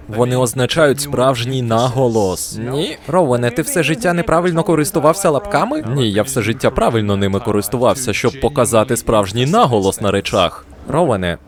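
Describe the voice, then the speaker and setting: A man dubbing a comedy sketch, voicing several characters in a lively way. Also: mid-range voice. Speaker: voice-over dubber.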